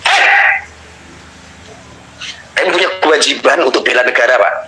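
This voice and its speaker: A man from Java, a religious activist making an emotional public appeal, pleading and at times shouting. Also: medium pitch, normal speed, very noisy.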